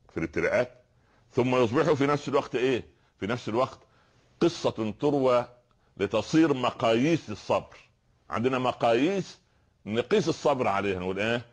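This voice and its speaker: A man's voice: lowish voice, slightly rough. A man with an Egyptian accent preaching a sermon, telling stories and posing rhetorical questions to his listeners. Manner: fast, animated storytelling preacher with rhetorical questions.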